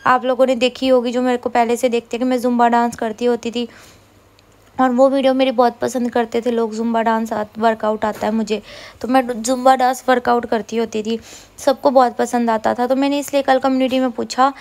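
A woman's voice: a little high, level tone, brisk, a little mellow. A woman in her thirties from India, chatting casually at home about her day as she does chores, rambling and often correcting herself. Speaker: vlogger. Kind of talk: casual chat while doing chores.

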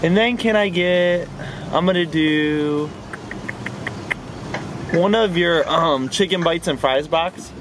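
A man's voice: fairly high pitch, takes it slowly, pauses often, noisy background. A man ordering food at a drive-through from his car, polite and raised up for the speaker box. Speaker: food vlogger.

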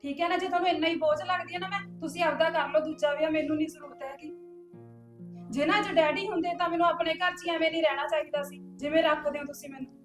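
A woman's voice: on the high side, steady tone, fairly quick, lightly acted. A young woman playing a hurt, resentful sister who sulks and answers back defiantly, with faint music behind. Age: young adult.

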